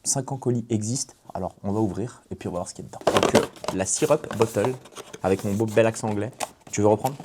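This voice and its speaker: Excitable man chatting in a reverberant space. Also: lowish voice, racing, background noise. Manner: loose, excited, full of fillers and slang. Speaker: vlogger presenting his drift car. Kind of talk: casual vlog chat.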